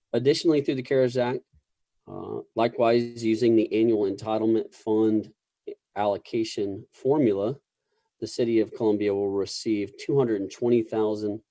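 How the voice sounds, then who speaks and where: A man serving as a public official gives a formal government presentation, his phrasing measured, bureaucratic and slightly hesitant. His voice is lowish and warm, with no room sound.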